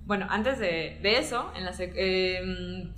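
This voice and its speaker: A woman with a Mexican accent tells a story in casual conversation, animatedly acting out the voices and quoted dialogue of the people involved. Her voice is fairly low and she speaks slowly. The recording has a roomy echo, faint music, and a little hiss or hum.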